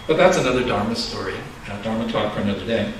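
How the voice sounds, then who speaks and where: A Buddhist minister in his sixties from Los Angeles, USA, gives a chatty, self-deprecating dharma talk, often chuckling. His voice sits on the low side, with lively intonation and a fast delivery. The recording sounds echoey, with a distant mic and background noise.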